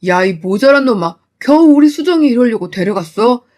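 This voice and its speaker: A woman's voice: medium pitch, brisk, warm tone, close to an everyday voice. A woman voicing an enraged middle-aged father who growls threats.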